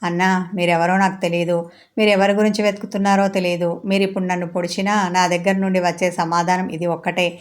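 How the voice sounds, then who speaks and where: A woman's voice: fairly low pitch, flat delivery, fast, close to an everyday voice. Woman voicing a timid watchman. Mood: pleading. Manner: pleading, innocent. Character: timid male farmhouse watchman, innocent-acting.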